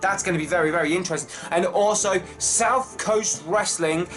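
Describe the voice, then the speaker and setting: A man in his thirties hosting a casual wrestling news show to camera, upbeat and chatty, with big jumps in pitch for emphasis. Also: moderate pace, fairly bright tone, faint music behind. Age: 30s. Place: small wood-panelled room full of wrestling posters. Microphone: webcam close up, then wide desk camera.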